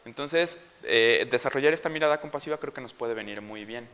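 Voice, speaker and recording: A man's voice: medium pitch, a little fast, clean tone. A young father with a Mexican accent, telling a story at a parents' school session and acting out the scenes. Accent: Mexican Spanish. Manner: animated, acts out scenes. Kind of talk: storytelling talk.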